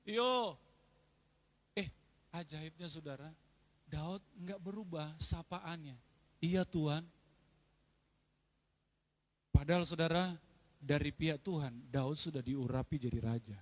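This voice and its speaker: A male pastor preaching a lively sermon at a church service, calling out to his congregation. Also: on the high side, normal speed. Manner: animated preaching, calls out to the congregation.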